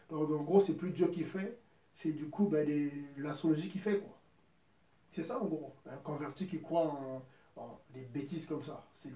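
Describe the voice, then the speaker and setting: A man delivers an informal sermon in a slightly high but mellow voice, repeating himself for emphasis and quoting scripture at length. He sits back from the microphone, and the room adds a noticeable echo. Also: distant mic. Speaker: preacher. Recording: roomy echo, voice from off mic.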